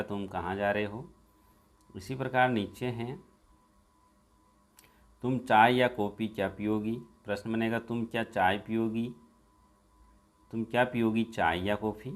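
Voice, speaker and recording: A male teacher working through a school workbook. He reads each exercise aloud and then gives the answer, slowing down and stressing the jumbled sentences. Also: on the low side. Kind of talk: workbook lesson walkthrough.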